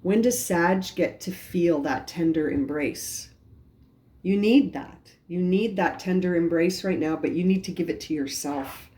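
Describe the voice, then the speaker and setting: A woman giving a tarot reading for a star sign, talking gently with many restarts and repeated phrases. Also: fairly low pitch, measured pace. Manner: gentle, repetitive, frequent restarts. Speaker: tarot reader.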